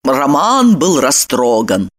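A woman narrating an audiobook in an expressive storytelling manner. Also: extremely low pitch, takes it slowly. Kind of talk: scripted narration.

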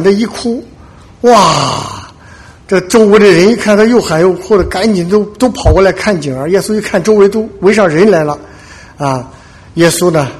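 A husky, high-voiced man delivers a conversational sermon full of homespun Bible storytelling. He dramatizes the quotes and keeps checking with listeners, often tossing in "对吧."

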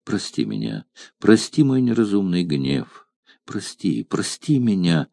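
A man's voice: sits low, very animated, unhurried, vocal fry, warm tone, no room sound, clean studio sound, heavily acted. A man voicing a huge, lovesick Germanic warrior who pleads with passion in an audiobook. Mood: tender. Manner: pleading, impassioned.

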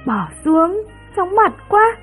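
A woman's voice: high voice, sing-song, moderate pace, soft background music. Woman voicing a scolding, hot-tempered bride. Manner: sharp, bossy scolding.

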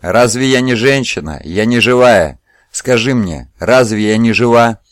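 A man's voice: medium pitch, expressive, unhurried, no room sound, studio quality, close to an everyday voice. A man voicing an ancient proud young woman in a read-aloud story, raising his voice a little and speaking with passionate, commanding outbursts. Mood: pleading.

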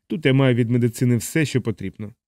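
A man voicing a sardonic young bomber captain in a hospital bed, speaking in a deadpan, mocking way. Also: mid-range voice, quick pace, dry recording, clean studio sound, lightly acted.

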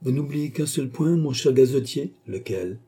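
A man reading an audiobook voicing a proud young queen with quick, imperious replies. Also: medium pitch, lively intonation, dark tone, husky, pitched above the performer's own voice. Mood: lively.

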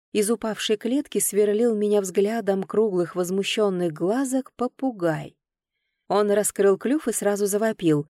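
A woman reads a first-person novel aloud with lively, expressive storytelling. Her voice is warm and mellow in the middle range. The recording is dry and close. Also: mid-range voice, dry recording. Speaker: audiobook narrator. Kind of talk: first-person audiobook narration.

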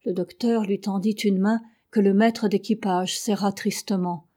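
A woman narrating a classic novel as an audiobook, in a measured, even storytelling manner. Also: mid-range voice. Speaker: audiobook reader.

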